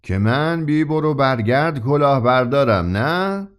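A man's voice: medium pitch, animated, pitched above the performer's own voice, lightly acted. A man voicing a mysterious, grinning old shopkeeper who sells his wonders with eager, confiding persuasion in a read-aloud story. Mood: persuasive. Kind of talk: audiobook character reading.

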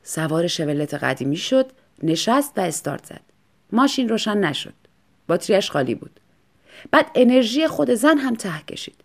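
A woman reading an audiobook story in an expressive, lively manner. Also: mid-range voice, creaky. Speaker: audiobook narrator. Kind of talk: scripted narration.

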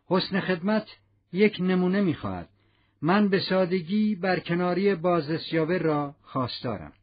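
A man voicing a stern, rigid male police inspector who speaks gravely and formally in an audiobook. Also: sits high. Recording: dull lo-fi audio.

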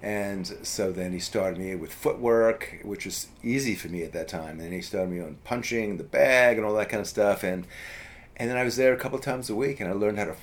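A middle-aged man spins a long story in casual conversation. His voice sits fairly low, and he keeps circling back with fillers and restarts. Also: a little fast. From US East Coast. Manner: rambling, many fillers and restarts.

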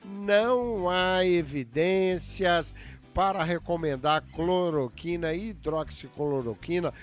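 A man's voice: high voice, slow pace, soft background music. A male radio host from Brazil, chatting casually and introducing clips to his listeners.

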